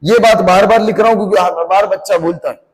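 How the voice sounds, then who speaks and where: A man with a high voice is teaching a physics lecture. He keeps asking the class questions to check that they follow along. His voice rings out with the long reverb of the room. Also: fast talker.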